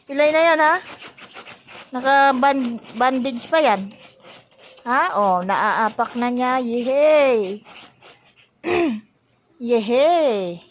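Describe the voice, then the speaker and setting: A woman's voice: sits high, expressive, takes it slowly, long pauses, slight background noise. Woman baby-talking to her dogs. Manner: coaxing, sing-song pet talk. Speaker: vlogger filming her pets. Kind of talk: baby-talk to pets.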